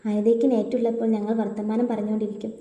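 A woman's voice: mid-range voice, little pitch movement, very fast, warm tone, lightly acted. A woman voicing a polite young married man, a son-in-law who talks in an eager-to-please way, recorded in a roomy space with long reverb.

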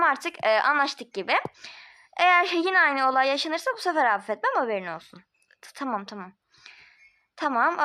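Bright-voiced woman doing casual doll play. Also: a little high. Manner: chatty, casual, voices several characters. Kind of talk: home-made doll role-play.

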